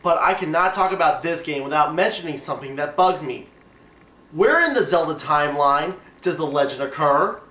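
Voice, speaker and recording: A man with a high voice hosts a scripted comedic game review. He is recorded at a distance from the microphone in an echoey room. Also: expressive, moderate pace, sharp tone, soft background music.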